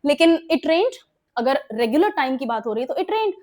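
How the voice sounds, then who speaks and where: A woman's voice: high-pitched, sing-song, moderate pace, a little mellow. A young Indian woman with an Indian English accent, teaching English grammar in Hindi with English examples and often asking her students if they follow. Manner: explains in Hindi mixed with English examples, asks frequent check questions. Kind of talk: exam-prep grammar lesson.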